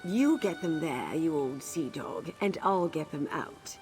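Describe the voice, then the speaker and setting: Bold low-voiced adventurer. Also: female voice, expressive, unhurried, over music. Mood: brisk, teasing. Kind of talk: video game character dialogue.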